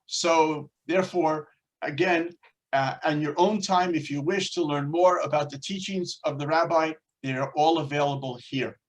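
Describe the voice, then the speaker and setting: A man with a New York accent opens an online class. His voice sits a little high, and his delivery is friendly and chatty. He jokes easily as he hands over to the teacher. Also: fairly even intonation, moderate pace. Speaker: host introducing a teacher.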